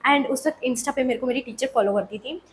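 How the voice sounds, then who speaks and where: A young woman telling a personal story in a casual, animated way, often slipping English words and phrases into her talk. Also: sits high, a little fast, slight background noise, rough recording. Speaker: vlogger.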